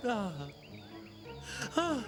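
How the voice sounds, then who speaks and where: A man's voice: very slow, music in the background. A man voicing a timid, fussy male cat sidekick in a cartoon dub. He frets, yelps and scolds his friend. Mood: frightened. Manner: fretful and easily frightened, scolding when upset. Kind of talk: cartoon dubbing.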